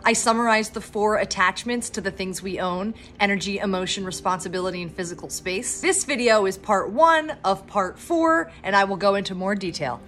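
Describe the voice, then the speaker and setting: Talking to camera at a normal speed with few pauses, a professional organizer in her thirties delivers an upbeat, encouraging message with self-deprecating asides. She's from Pennsylvania, USA, has a Philadelphia accent, and her mid-range voice is a bit bright.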